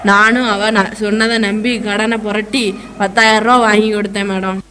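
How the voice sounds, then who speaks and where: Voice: medium pitch, level tone, normal speed, bright, forceful tone, a little hiss or hum, close to an everyday voice. Anxious dad explaining his kid's trouble, earnest, a student acting it on a college stage. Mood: worried. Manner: earnest, pleading account to the counselor. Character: worried father of a teen girl.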